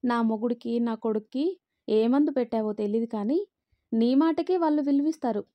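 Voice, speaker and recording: A woman voicing a bitter, sharp-tongued middle-aged mother-in-law who scolds and taunts in a raised voice. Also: a little high, normal speed, dull audio, close to an everyday voice. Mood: scornful.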